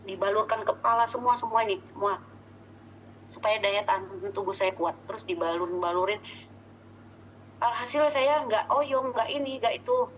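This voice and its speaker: Woman, testimonial speaker; halting, restarts often, dull faint-hum recording. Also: medium pitch. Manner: halting, searching for words, many restarts. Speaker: customer giving a product testimonial. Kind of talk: casual spoken testimony.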